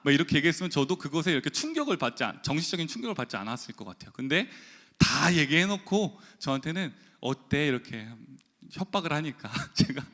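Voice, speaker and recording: A man's voice: fairly high pitch, big pitch swings, fast talker, fairly bright tone. A man preaching a sermon, telling a personal story with acted-out quotes and occasional laughs. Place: church sanctuary. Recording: long church hall reverb.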